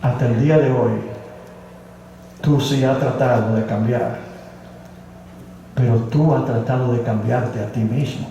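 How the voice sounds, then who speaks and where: A man voicing God as a patient, fatherly figure who speaks gently, recorded from a distance in an echoey hall. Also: mid-range voice, fairly even intonation, measured pace, long pauses, voice pushed down, lightly acted. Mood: gentle, fatherly. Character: calm fatherly voice of God, male.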